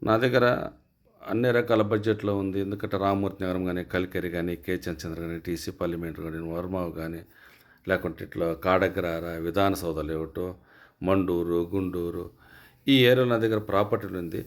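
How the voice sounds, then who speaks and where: A man's voice: low voice, fairly even intonation, fairly quick. A man working as a real estate agent gives a property tour and talks straight to his viewers, pushing a sale and repeating himself. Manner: salesy, repetitive, direct appeals to viewers.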